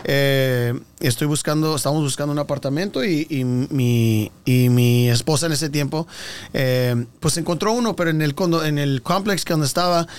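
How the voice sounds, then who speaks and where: A man's voice: a little high, normal speed, clear, resonant tone. A man telling a story in a casual interview, acting out voices and sound effects as he goes. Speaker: guest singer.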